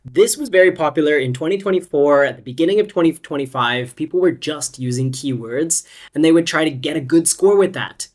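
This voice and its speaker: An English test-prep teacher giving a scripted online lesson, explaining step by step with lively rises and falls. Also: medium pitch, a little fast, few pauses. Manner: clear, explanatory, instructive.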